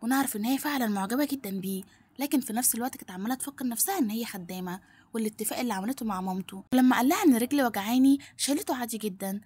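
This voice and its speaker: Egyptian woman, drama plot recap, very rapid, husky, slightly high voice. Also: a little mellow. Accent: Egyptian Arabic. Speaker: narrator.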